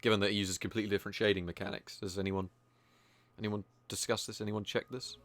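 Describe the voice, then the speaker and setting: A man's voice: lowish voice, flat delivery, fast talker, fairly bright tone. A man giving rambling, casual live commentary while playing a video game, often poking fun at himself. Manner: casual, rambling, self-deprecating.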